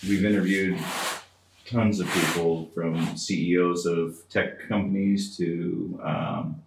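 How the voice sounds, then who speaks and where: A man hosts a casual podcast interview. His voice is very deep with a creaky, gravelly edge. It is a roomy recording made through computer speakers. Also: fairly even intonation, takes it slowly, a little hiss or hum.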